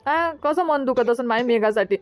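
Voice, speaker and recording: A lamenting village mother in a cartoon comedy, voiced by a woman, with a Varhadi Marathi accent. Her voice sits high and sounds dry and close. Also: moderate pace, dry recording, natural voice. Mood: sorrowful. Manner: lamenting, tearful. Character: grieving village mother marrying off her daughter.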